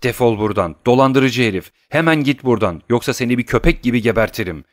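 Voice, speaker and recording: A man reading an audiobook, voicing an idle gentleman who speaks coldly and indignantly. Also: on the low side, lively intonation, fairly quick, dry recording, studio quality. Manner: cold, indignant. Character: weary, idle gentleman roused to anger.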